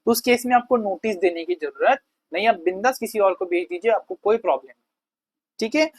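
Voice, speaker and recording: A male teacher giving a conversational law lecture. He reads definitions slowly, explains them quickly and casually, and keeps asking the class questions. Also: sits high, dry recording, poor audio. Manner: asks the class rhetorical questions.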